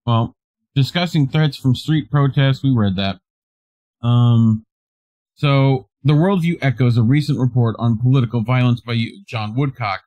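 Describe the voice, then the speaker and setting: A man co-hosts a talk stream. His voice is of middling pitch and recorded close and dry. He reads news articles aloud and keeps breaking off with laughs and wry asides. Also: measured pace, warm tone, no echo, poor audio. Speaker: co-host. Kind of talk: reading news aloud and commenting.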